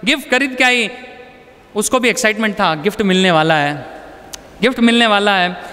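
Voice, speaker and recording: A man with a very high, bright, forceful voice tells stories from his own life to an audience in a casual, chatty way, mixing in English words. His talk carries the long reverb of a large hall. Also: moderate pace. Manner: conversational, anecdotal, mixes in English words. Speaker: motivational speaker.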